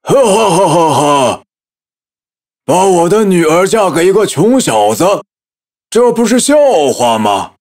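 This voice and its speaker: A man's voice: high voice, big pitch swings, a little slow, darkish tone. A man playing a haughty, greedy sultan in an acted children's audio story. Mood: haughty, mocking.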